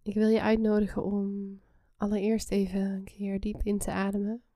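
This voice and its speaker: A woman guiding a relaxation meditation in a soft, soothing, breathy half-whisper. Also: mid-range voice, monotone, moderate pace, no echo, studio quality. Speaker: guided meditation host.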